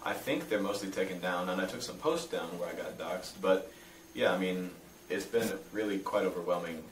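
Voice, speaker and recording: A young man with a low voice answers questions in casual, rambling speech, often hesitating as he explains. He is recorded at a distance in an echoey room with faint noise. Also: normal speed. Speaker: interviewee.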